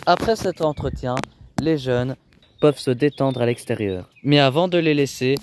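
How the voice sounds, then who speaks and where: A man's voice: mid-range voice, normal speed, a little mellow, a little hiss or hum. A man delivering scripted reality TV voice-over with emphatic, dramatic phrasing. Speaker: narrator.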